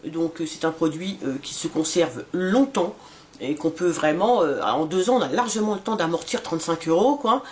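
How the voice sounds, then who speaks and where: A woman's voice: on the low side, animated, moderate pace. A woman in her forties casually reviewing a skincare serum for her vlog, talking with many fillers and restarts. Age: 40s. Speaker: beauty vlogger.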